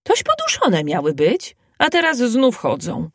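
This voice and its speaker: A woman voicing gossiping village women who argue in high, sing-song voices, in a storybook reading. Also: wildly swooping pitch, measured pace, husky, no echo, clean studio sound, heavily acted. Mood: wondering.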